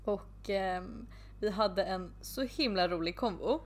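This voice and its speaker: Young woman, podcast co-host, giggly storyteller, acts out quotes, mid pitch. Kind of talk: casual chat.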